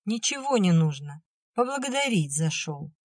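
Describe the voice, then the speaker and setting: A woman's voice: fairly low pitch, big pitch swings, moderate pace, no echo. A wounded young soldier, taken aback and indignant, played by a woman reader. He protests in short, raised lines. The recording is dry and close. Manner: bewildered, indignant.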